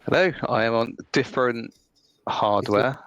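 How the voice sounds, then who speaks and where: A man's voice: medium pitch, a little slow, fairly bright tone, faint music behind, poor audio. A man with an English West Country accent chatting casually as co-host of a gaming podcast, recorded on a phone. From Somerset, England. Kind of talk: casual chat.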